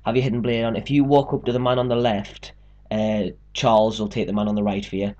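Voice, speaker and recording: A man's voice: on the low side, level tone, fast, darkish tone, muffled recording, slight background noise. A young man casually talking through a game walkthrough, explaining steps and joking around. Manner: chatty, joking, explains step by step. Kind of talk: casual gameplay commentary.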